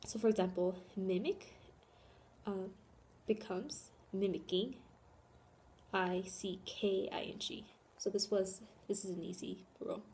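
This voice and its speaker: A woman's voice: medium pitch, steady tone, measured pace, a little mellow, slight background noise. Earnest young woman giving a class presentation. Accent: American. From born in South Korea, raised in Chicago. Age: young adult. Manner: earnest, with frequent ums and spelled-out letters. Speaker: student presenter.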